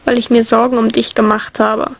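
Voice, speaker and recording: A woman voicing a worried, exasperated visitor in a whispered role-play audio story, speaking softly and pleadingly. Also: on the high side, flat delivery, fairly quick, gravelly. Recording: faint hiss.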